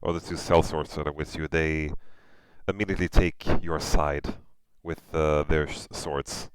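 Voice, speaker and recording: A man's voice: a bass voice, level tone, a little slow, clear, resonant tone, rough recording. A man with a Swedish accent running a tabletop game, describing scenes hesitantly with many fillers. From Sweden. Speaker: game master.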